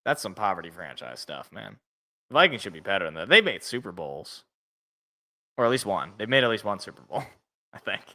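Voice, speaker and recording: Calling plays on a live football reaction stream, a sports podcast co-host in his twenties reacts to the game and jokes self-deprecatingly with viewers. He speaks fairly quickly in a low-ish, sing-song voice that sounds pushed and bright.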